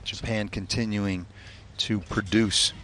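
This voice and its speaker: A man's voice: lowish voice, little pitch movement, slow pace, pushed and bright. A man anchoring live golf commentary as the lead announcer, calling the play. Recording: clear outdoor noise behind the voice.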